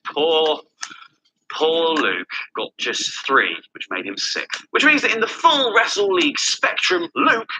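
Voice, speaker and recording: A man's voice: on the high side, huge pitch swings, slow pace, sharp tone, a little hiss or hum, rough recording. A man presenting wrestling news from a script in a playful, wry and emphatic manner. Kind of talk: scripted news narration with joking asides.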